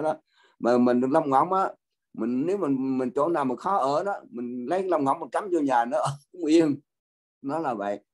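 An older man, a Buddhist monk, giving a folksy dharma talk that repeats itself and speaks straight to the listeners. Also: on the high side. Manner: folksy, repetitive, addresses listeners directly.

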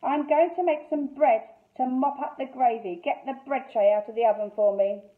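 A woman's voice: high-pitched, steady tone, normal speed, pitched above the performer's own voice, lightly acted. A woman voicing an ancient, greedy witch who eats children, with a crackly voice that coos and snaps, on a thin phone-like recording. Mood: gloating. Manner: cooing then snapping.

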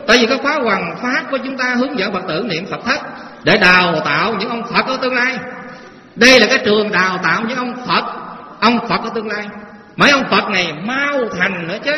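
High-voiced monk preaching in an echoing hall. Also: male voice. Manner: folksy storytelling with rhetorical questions to the audience. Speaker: Buddhist monk teaching lay followers. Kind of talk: Dharma talk to a live audience. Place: temple hall with a live audience. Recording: echoey hall, dull lo-fi sound, faint noise.

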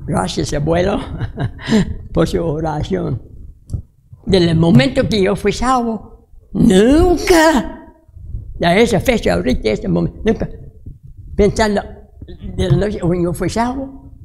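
A man in his sixties, a pastor from the United States, preaching a storytelling sermon in halting, broken phrases full of restarts. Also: high voice, creaky, a little mellow, slight background noise. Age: 60s.

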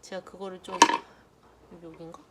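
A woman's voice: on the low side, little pitch movement, normal speed. Chatty young woman unboxing, noisy background. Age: young adult. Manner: chatty, playful, muttering softly while handling items. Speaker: vlogger. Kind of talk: unboxing vlog narration. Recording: loud background noise.

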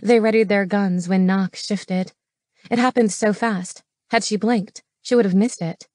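A woman reading an audiobook as its narrator, steady and matter-of-fact. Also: medium pitch, unhurried, dry recording. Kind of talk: scripted narration. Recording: dry studio voice.

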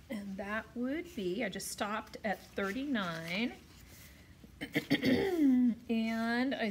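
A woman teacher reading a children's novel aloud to her class, expressive, with small slips now and then. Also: medium pitch, a little hiss or hum. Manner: expressive read-aloud with occasional slips and throat clearing.

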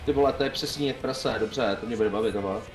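A young man streaming a tank game, chatting casually and calling out moves to his teammates in a quick, joking way. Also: medium pitch. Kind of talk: casual gaming chat. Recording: roomy sound with clear music behind.

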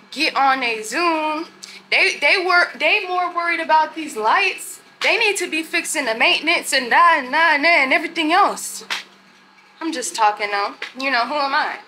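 A young woman vlogging casually to her viewers from a hotel room and balcony, chatty and animated, filmed on a phone held at arm's length. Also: sits high, slight background noise. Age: young adult. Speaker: travel vlogger. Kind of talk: casual vlog to camera. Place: hotel room and balcony at night, outdoors by a city street. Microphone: handheld phone camera at arm's length.

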